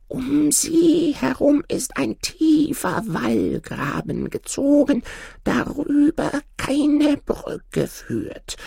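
A man voicing a heartless ancient sorcerer in a high, slow, strained falsetto for a storybook reading. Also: creaky, darkish tone, husky, no room sound, studio quality, exaggerated voice.

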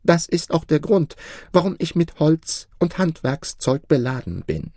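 A crafty old carpenter, as a storyteller puts him on, with a lowered, slightly husky voice. He speaks slowly, humble on the surface and sly underneath. Close, dry recording. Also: big pitch swings, darkish tone, no echo, exaggerated voice. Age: older. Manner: pleading and sly.

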